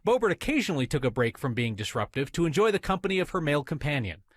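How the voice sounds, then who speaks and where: A man reading a scripted news report in a measured, matter-of-fact way. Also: fairly high pitch, big pitch swings, dry recording, clean studio sound.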